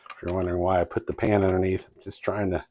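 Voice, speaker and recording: A man's voice: low-pitched, little pitch movement, fast talker, mellow, dull audio, a little hiss or hum. A man with a Midwestern accent casually showing how he cooks in his home kitchen, talking in a folksy, hesitant way with lots of fillers. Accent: Midwestern American. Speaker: cooking channel host. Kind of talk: casual cooking demonstration.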